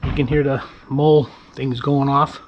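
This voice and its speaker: A man's voice: medium pitch, flat delivery, normal speed, dull audio, a little hiss or hum. A man casually vlogging outdoors in his backyard, rambling and repeating himself with lots of fillers. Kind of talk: casual vlog chat.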